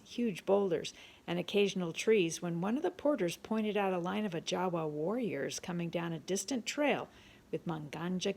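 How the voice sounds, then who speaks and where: A grandmotherly woman over sixty reading a chapter book aloud in a calm, steady storytelling manner. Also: on the low side, creaky.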